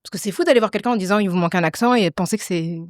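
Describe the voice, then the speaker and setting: A woman hosting an interview, asking quick reactive questions. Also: medium pitch, darkish tone, dry recording, clean studio sound. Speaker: interviewer host.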